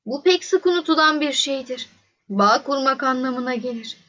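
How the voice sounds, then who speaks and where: A woman voicing a wise wild fox in a storybook, calm and explaining patiently. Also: sits high, moderate pace, dull audio, heavily acted.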